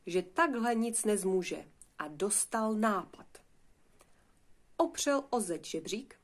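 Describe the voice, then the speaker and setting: A woman reading a children's fairy tale aloud in a lively, expressive way. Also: medium pitch. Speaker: storyteller. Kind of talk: storybook reading.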